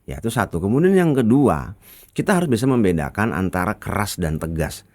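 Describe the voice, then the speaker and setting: A man's voice: on the low side, big pitch swings, fairly quick, a little mellow. A man with a Sundanese accent giving a chatty, colloquial commentary that rebuts a news article. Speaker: political commentator.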